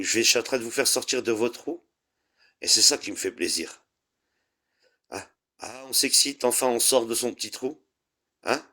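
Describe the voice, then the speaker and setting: A man's voice: on the low side, bright, forceful tone. Taunting man ranting. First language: Arabic. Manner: taunting, insulting, combative. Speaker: live stream host. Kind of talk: heated live-stream rant.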